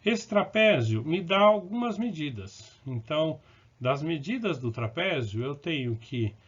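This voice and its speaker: In this recorded math lesson, a man with a slightly high, a bit bright voice solves problems one step at a time. He fixes his own slips as he goes and pauses for quick check-ins with the viewer; the audio sounds dull and lo-fi.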